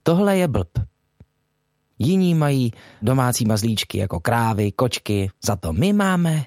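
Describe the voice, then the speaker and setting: A man voicing an eager teenage boy from an animated film, with a bright, playful voice pitched far above his own. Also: dry recording, clean studio sound. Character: young teen boy, dragon trainer, eager.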